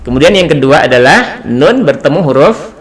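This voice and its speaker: A man teaching a tajwid lesson, explaining slowly and chanting short demonstration sounds. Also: on the high side, animated. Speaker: Quran recitation teacher.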